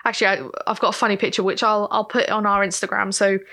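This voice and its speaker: A woman co-hosting a podcast, chatting casually and with animation. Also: mid-range voice. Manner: chatty, animated, quick to laugh. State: hiccups. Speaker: podcast co-host. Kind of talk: casual chat.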